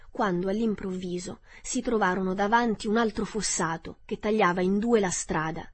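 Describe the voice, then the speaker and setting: A woman narrating a children's storybook aloud in an expressive, dramatic way. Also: mid-range voice, slightly rough. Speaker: audiobook narrator.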